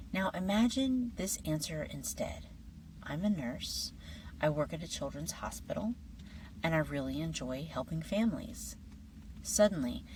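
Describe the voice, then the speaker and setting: A woman teaching an English lesson in a friendly scripted style, lively and dropping now and then to soft whispered asides. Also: lowish voice, recorded from a distance, a little hiss or hum, poor audio.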